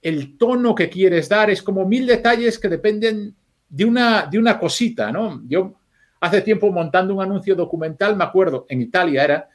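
A man's voice: sits high, animated, moderate pace. A man, a film editor talking casually as a podcast guest, telling loose, swear-filled stories with many restarts. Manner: loose, swearing storyteller, thinks aloud with restarts.

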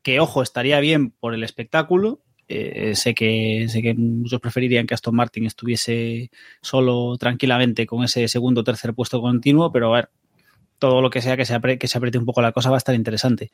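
A man's voice: mid-range voice, steady tone, a little fast, no room sound, studio quality. A man with a Castilian Spanish accent chatting colloquially as a panelist on a motorsport podcast. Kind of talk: casual panel chat.

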